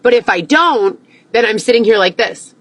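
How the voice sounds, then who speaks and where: A woman livestreaming a profane, agitated monologue that at times rises close to yelling. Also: on the high side, expressive, moderate pace, no room sound. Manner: agitated, swearing, rising to near yelling.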